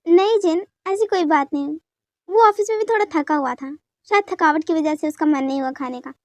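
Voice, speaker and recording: A woman doing a calm, reassuring father. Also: sits high, a little fast, no echo, close to an everyday voice. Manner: gentle, steady.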